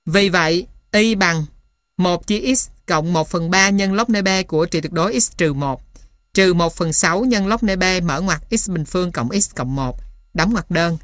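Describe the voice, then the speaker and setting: A woman reading scripted material as dictation, piece by piece, in a measured, matter-of-fact way, like an instructor. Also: on the low side, no room sound, clean studio sound. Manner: dictating symbols and punctuation one piece at a time. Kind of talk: scripted dictation of maths formulas.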